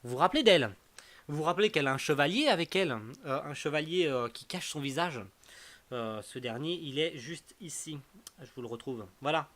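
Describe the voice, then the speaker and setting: A young man chats to camera about the manga he read this month. He rambles and hesitates over his words, then teases the viewers playfully, his voice sitting a little high for a man. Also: animated, brisk, a bit bright. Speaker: manga reviewer.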